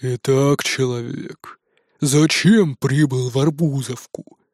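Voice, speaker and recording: Gruff, slow-spoken beast chief voiced by a man; commanding, storybook tone. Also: mid-range voice, fairly even intonation, darkish tone, dry recording, studio quality. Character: stern male council leader beast.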